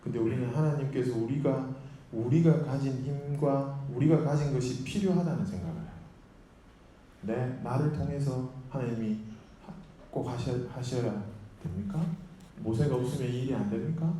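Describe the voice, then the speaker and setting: A male retreat lecturer with a very dark, mellow voice, preaching in a chatty way and often turning to his listeners with quick questions. His voice rings through a large, echoey hall. A faint room hum sits underneath. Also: medium pitch. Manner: chatty, questions the audience, acts out quotes. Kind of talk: conversational sermon lecture.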